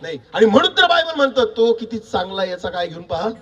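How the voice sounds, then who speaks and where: Man, preacher, high husky voice, call-and-response sermon, recorded from a distance. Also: very animated, quick pace, lo-fi sound. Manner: repeats questions for the congregation to answer, rising to shouts.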